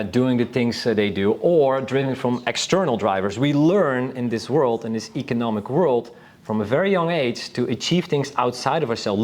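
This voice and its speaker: A medium-pitched man from Northern Europe sits on a panel at an informal conference talk. He's enthusiastic and rambling, often starting his sentences over.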